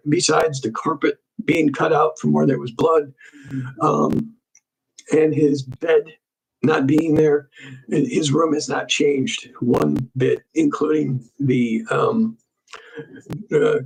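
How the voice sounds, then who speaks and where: Gravelly man walking through a case. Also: a little high, rough recording. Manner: halting, full of ums and restarts. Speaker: crime investigator and show host. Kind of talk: casual case walkthrough.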